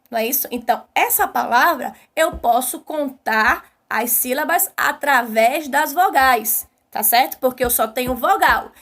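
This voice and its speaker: A woman teacher with a Brazilian Portuguese accent giving an online class to young children in a sing-song way, stretching key words slowly and putting questions to the class. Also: sits high, a bit bright.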